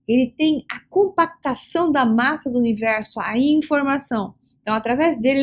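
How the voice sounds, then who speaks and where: A woman giving a long, rambling explanation in answer to questions, often repeating herself and slowing down to stress terms. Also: a little high. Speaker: esoteric speaker answering questions. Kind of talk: explanatory talk.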